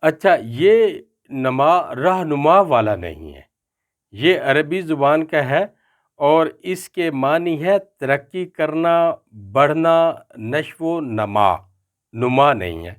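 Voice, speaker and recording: An older man with a Pakistani Urdu accent giving a spoken pronunciation lesson, slowing down to say each word carefully. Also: a little high, expressive.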